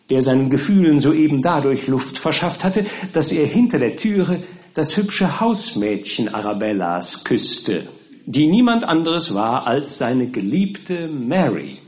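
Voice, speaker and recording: A man narrating an audiobook in an expressive storytelling manner. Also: a little high, unhurried. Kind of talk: scripted narration.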